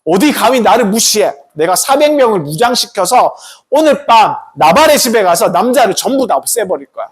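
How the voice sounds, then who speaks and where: A pastor acting out a furious, hot-tempered young warrior king who shouts threats of revenge. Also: mid-range voice, sing-song, a little fast, breathy edge.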